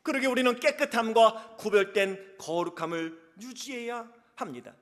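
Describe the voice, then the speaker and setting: A male pastor preaching a sermon, dramatic, swinging between soft and emphatic delivery. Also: extremely high pitch, normal speed. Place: church sanctuary. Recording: reverberant church hall.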